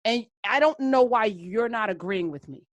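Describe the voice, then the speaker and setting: A woman's voice: on the high side, lively intonation, normal speed, dry recording. An American woman hosting a call-in debate, speaking conversationally in an assertive, challenging way with emphatic repetitions. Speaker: call-in show host.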